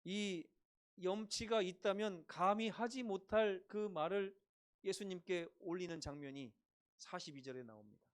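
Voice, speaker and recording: A pastor over fifty preaching a sermon, acting out quotes with dramatic rises and drops in loudness. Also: male voice, unhurried, clear, resonant tone. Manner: dramatic, acts out quotes with big swings in pitch and loudness.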